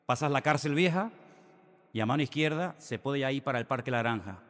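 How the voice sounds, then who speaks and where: A middle-aged man, preaching a sermon as a pastor with animated storytelling that moves between hushed and emphatic. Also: medium pitch, a little fast. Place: church hall. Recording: reverberant church hall.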